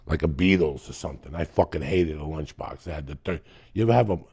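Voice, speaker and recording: A man's voice: extremely low pitch, fast talker, a little mellow, husky. A middle-aged man, telling wild stories in casual, profane podcast chat, often breaking into laughter. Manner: profane, rambling, laughing storyteller.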